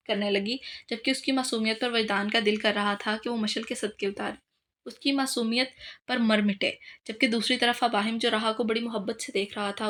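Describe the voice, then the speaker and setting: A woman narrating a romance novel aloud in a steady storytelling manner. Her voice sits fairly high and moves evenly through the prose. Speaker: novel reader.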